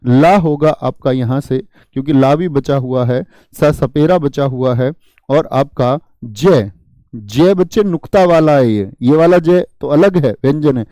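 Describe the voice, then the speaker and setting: A man's voice: medium pitch, lively intonation, measured pace, warm tone, no echo. A man teaching a class, asking his students questions and repeating the answers, with memory tricks and light jokes. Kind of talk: classroom lesson.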